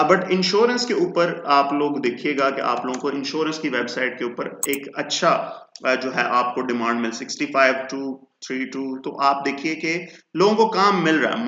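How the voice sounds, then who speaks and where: A man's voice: fairly high pitch, a bit bright. A man giving a casual tutorial, chatty, calling listeners brother and slipping into English. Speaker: freelancing tutor and podcast host. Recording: echoey room, dull lo-fi sound.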